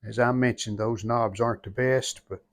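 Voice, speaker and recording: Working on an old radio in his workshop, a man offers brief, plain comments while he restores it. He speaks at a moderate pace with a steady tone and medium pitch.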